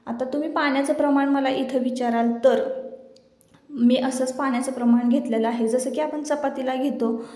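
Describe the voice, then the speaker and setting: Chatty homely woman, flat and mellow. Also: high-pitched, normal speed, roomy sound. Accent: Marathi. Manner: chatty, homely, addresses viewers as sisters. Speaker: home cooking vlogger. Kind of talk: casual recipe voice-over.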